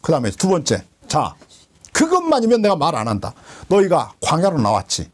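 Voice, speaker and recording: A male pastor giving a sermon in colloquial, storytelling style, retelling scripture with dramatic swings. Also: quick pace. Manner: animated storytelling, colloquial, dramatic drops in pitch.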